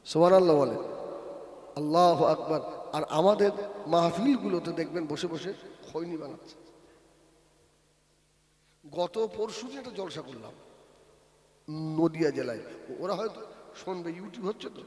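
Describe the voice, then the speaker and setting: A man preaching a waz, moving between low storytelling and loud, slow sung chanting. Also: lively intonation. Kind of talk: Bengali Islamic sermon, waz. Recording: echoey, reverberant loudspeaker sound.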